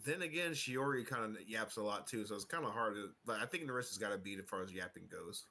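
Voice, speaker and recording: A man's voice: fairly low pitch, fast talker, sharp tone, slight background noise. A young man co-hosting a podcast in casual chat, joking and often restarting his words. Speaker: podcast co-host.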